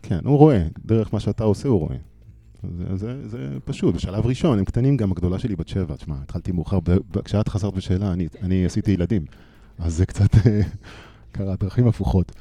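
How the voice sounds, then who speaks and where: A man in his thirties, a panel guest, speaking thoughtfully and telling parables with pauses into a handheld microphone. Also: deep voice, mellow, dry recording. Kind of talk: reflective panel discussion.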